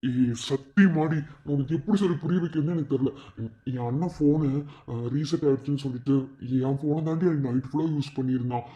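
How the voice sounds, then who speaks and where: A man's voice: fairly high pitch, fast, warm tone, natural voice. A man with a Madurai Tamil accent voicing a lovesick young man who pleads and apologizes to his girlfriend. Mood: pleading. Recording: muffled lo-fi recording.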